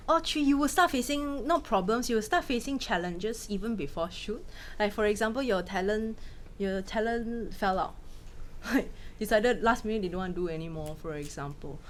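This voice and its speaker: A woman from Malaysia, a film director, answering questions in a casual talk with quick anecdotes and frequent laughs. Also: mid-range voice, slight background noise. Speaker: film director giving a masterclass.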